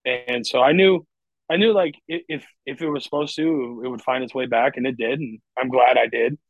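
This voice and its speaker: With a medium-pitched voice, fairly even intonation and normal speed, a twentysomething podcast guest chats casually, candid and rambling, peppering his speech with "like." The dry, dull lo-fi recording carries no room sound.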